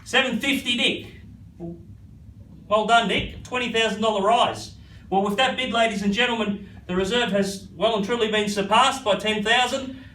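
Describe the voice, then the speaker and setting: High-voiced Australian male auctioneer, echoey. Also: fairly even intonation, moderate pace, pushed and bright. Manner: repetitive, addresses bidders by first name. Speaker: real estate auctioneer. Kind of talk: live auction patter. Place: live property auction. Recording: echoey, slightly distant, faint background noise.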